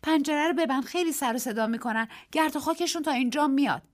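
A woman reading the part of a frightened young woman in a radio story, her lines high and agitated. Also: close to an everyday voice. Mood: anxious. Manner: high-pitched and agitated, rising to cries.

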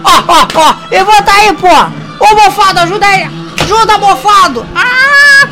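A woman's voice: high voice, a bit bright. A woman hosting an amateur comedy radio show, rambling and jokey as she announces. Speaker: host.

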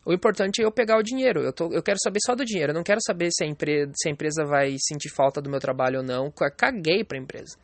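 High-voiced blunt man. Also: fast, hardly any pauses, dry recording. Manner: blunt, profane, rambling, fillers like "entendeu?". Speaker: vlogger. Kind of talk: casual monologue.

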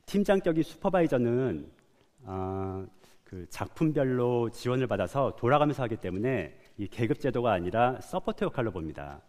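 A man's voice: mid-range voice, a little mellow. A man from South Korea giving a prepared public talk as an animator. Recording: long hall reverb.

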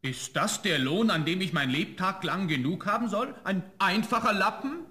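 A man's voice: high-pitched, lively intonation, moderate pace, sharp tone. A young man playing a clever, cheeky student, firm with a spirit and polite to his father, in a fairy-tale radio play. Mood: defiant. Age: young adult.

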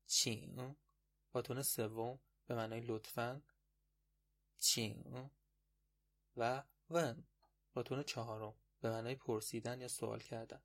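Male podcast tutor, mid-pitched, patient explainer, slows down for repeats. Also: steady tone, a bit bright. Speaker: Chinese language teacher. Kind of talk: podcast language lesson.

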